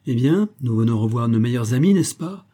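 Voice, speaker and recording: A man voicing a shrill, cajoling old grandmother from a city slum in an audiobook. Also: animated, a little fast, warm tone, husky. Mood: wheedling. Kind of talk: audiobook character voice.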